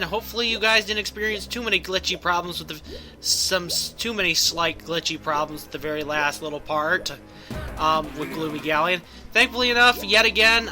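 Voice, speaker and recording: A man with a high voice gives casual gameplay commentary as a let's play host. He speaks haltingly, often doubling back on words and phrases. Video game music plays clearly behind him.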